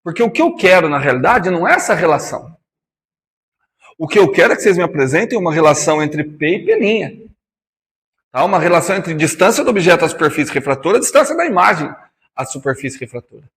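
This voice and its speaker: A man's voice: a little high, sing-song, fast talker, a bit bright, big-room sound. A man teaching physics in a classroom lecture with a Brazilian Portuguese accent, chatty and teasing, calling students by nicknames.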